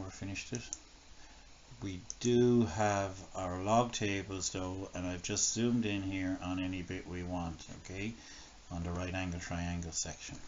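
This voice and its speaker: A man talks through a maths lesson at his computer, pausing on fillers and correcting himself mid-sentence. His voice sits fairly low. The recording is dull and lo-fi, with a faint hiss behind it. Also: a little mellow. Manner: thinks aloud, many fillers and self-corrections. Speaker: maths teacher. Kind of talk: recorded classroom lesson, working examples on screen.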